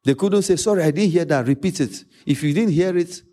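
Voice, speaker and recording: A pastor with a Nigerian accent, a native Yoruba speaker, preaches emphatically, repeating phrases and pausing for dramatic effect. His voice is warm in tone and on the high side.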